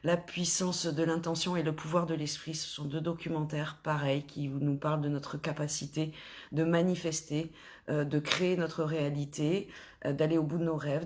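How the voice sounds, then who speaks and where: A woman coaching spiritual followers in an informal talk, gently encouraging them while pausing often and restarting her sentences. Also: sits low, flat delivery. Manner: hesitant, full of pauses and restarts.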